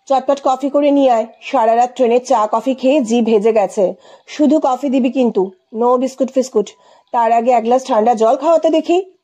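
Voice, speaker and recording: A bossy, boisterous man in a storybook tale, as a woman narrator puts him on, giving orders in a commanding, teasing tone. The voice sits a little high, with a mellow, breathy softness. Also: moderate pace, lightly acted. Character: loud bossy carefree man, old college friend.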